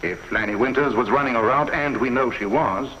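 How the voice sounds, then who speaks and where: An actor playing a shrewd police inspector in a 1950s TV crime drama, measured, dry and quietly probing. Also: male voice, mid-range voice, a little hiss or hum, close to an everyday voice. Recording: dull lo-fi 1950s TV soundtrack.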